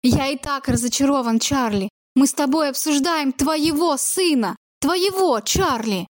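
Woman reading as furious young guy, bitter and accusing, high-pitched, dry audiobook sound. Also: unhurried, dry recording. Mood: angry. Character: furious betrayed young man, boyfriend.

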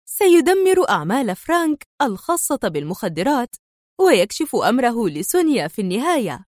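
A clever female spy in disguise talks with calm, sly sarcasm as a woman reader puts her on. The voice sits fairly high and moves around a lot, recorded close and dry. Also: brisk, dry recording.

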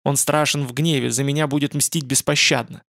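A man's voice: medium pitch, fairly even intonation, a little fast, a bit bright, no echo, studio quality, lightly acted. A man voicing a proud, fierce young woman held captive, urgent and commanding. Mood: pleading.

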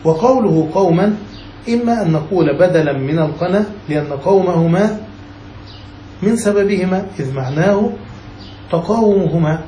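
Grammar teacher, male, mellow dark tone, explains patiently, echoey room with faint background hum. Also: sits high, expressive, normal speed, pauses often. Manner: reads text then explains, checks students with "got it?". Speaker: sheikh teaching Arabic grammar. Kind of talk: classical text lesson.

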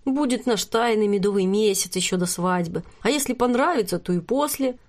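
A woman reading the lines of a smooth-talking, manipulative young male star in an audiobook, in a soft coaxing manner. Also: medium pitch, fairly quick, close to an everyday voice. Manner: coaxing, murmuring.

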